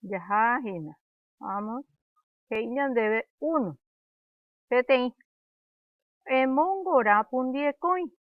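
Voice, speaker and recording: A woman teaches a slow primary-school language lesson, patiently dictating letters and syllables one at a time for pupils to repeat. Her voice is slightly high and animated, with no echo, captured on a dry, tinny lo-fi recording.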